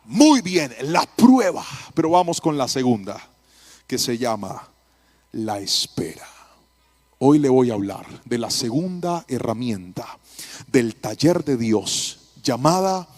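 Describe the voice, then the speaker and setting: A man preaching a sermon, telling a personal story with humor and dropping from hushed asides to loud exclamations. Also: medium pitch, sing-song, unhurried.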